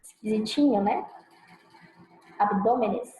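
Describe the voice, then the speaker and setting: A Brazilian woman teaching a grammar lesson, checking in with her students often and sounding out example words slowly and loudly. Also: medium pitch, echoey room, rough recording. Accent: Brazilian Portuguese. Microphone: clip-on mic.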